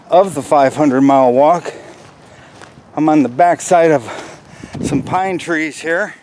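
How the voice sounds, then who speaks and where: A middle-aged American man chatting casually to viewers in an unhurried way while walking outdoors, recorded on a built-in microphone with wind noise. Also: a little high. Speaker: hiking vlogger. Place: outdoors in a windy wooded park. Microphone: camera's built-in microphone while walking. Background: wind, faint outdoor noise.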